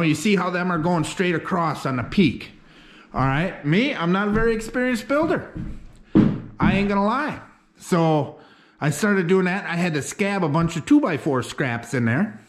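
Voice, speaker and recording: Speaking at a normal speed and with plenty of expression, a middle-aged homesteader vlogger walks viewers through the snow and then up into an unfinished wooden barn loft. His slightly high voice carries a folksy, plainspoken ramble laced with fillers. It's recorded on an action camera, either handheld or head-mounted.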